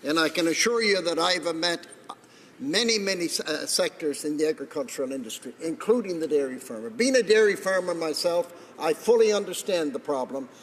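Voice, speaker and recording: High-voiced man in reverberant chamber. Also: lively intonation, brisk. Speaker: government minister answering questions. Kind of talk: formal parliamentary answer. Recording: reverberant chamber with faint noise.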